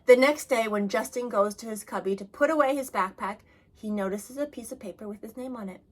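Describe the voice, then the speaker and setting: A woman reading a children's picture book aloud, expressive, going soft and hushed at the sad moments. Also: a little high, fairly quick. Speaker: reader.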